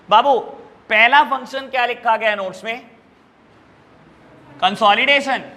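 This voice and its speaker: A man teaching a commerce class, warmly calling his students "beta" and asking them questions that he answers himself. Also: high-pitched, big-room sound. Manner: affectionate, calls students "beta" and "babu" constantly. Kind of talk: classroom lecture.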